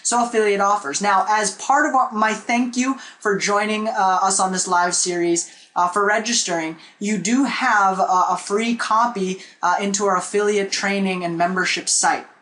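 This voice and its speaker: A man's voice: sits high, steady tone, moderate pace, few pauses, bright, forceful tone. Man teaching a live webinar. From Philippines. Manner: conversational, often checks in with "okay?" and "right?". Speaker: online marketing instructor. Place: small indoor room with a whiteboard.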